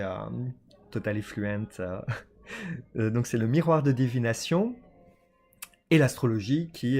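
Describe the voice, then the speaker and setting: A man doing a casual oracle card reading for his viewers, talking hesitantly with many fillers and small laughs. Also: medium pitch. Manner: hesitant, many fillers, chatty and warm-toned about cards.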